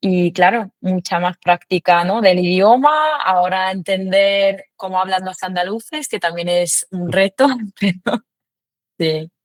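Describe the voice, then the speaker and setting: A woman speaking Spanish as a second language, answering interview questions in a relaxed, thoughtful way with many small fillers. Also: mid-range voice, a little slow, no room sound. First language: not Spanish. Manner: thoughtful, lots of fillers and self-corrections. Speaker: podcast guest. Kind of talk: casual interview chat.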